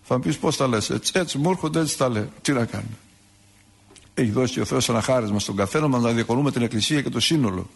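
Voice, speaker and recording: A man's voice: mid-range voice, creaky, slightly rough. A male priest giving a sermon on saints' lives, in a conversational way with asides and rhetorical questions.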